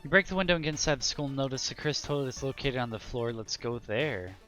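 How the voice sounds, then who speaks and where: A man streaming a game, casually reading its text aloud and thinking out loud, with relaxed, profane asides. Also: medium pitch, fast talker, soft background music.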